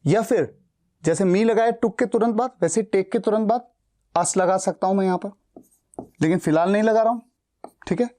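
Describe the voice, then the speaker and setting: A man's voice: high-pitched, mellow. A man teaching a spoken English lesson who explains step by step and repeats example sentences.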